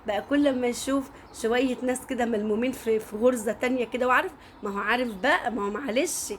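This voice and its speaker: Speaking quickly in a fairly high voice, this Egyptian-accented woman narrates a story casually and keeps turning to talk straight to her audience. There's a faint hiss or hum in the recording.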